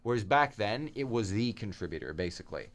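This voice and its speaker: A man's voice: fairly low pitch, lively intonation, brisk. A young man co-hosting a podcast in casual chat, opinionated and talking in long stretches. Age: young adult. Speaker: podcast co-host.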